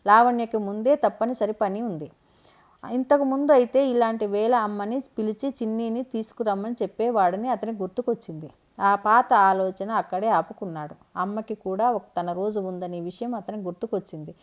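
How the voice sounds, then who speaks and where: A woman reading a scripted family story aloud in a calm, even way. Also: mid-range voice, moderate pace.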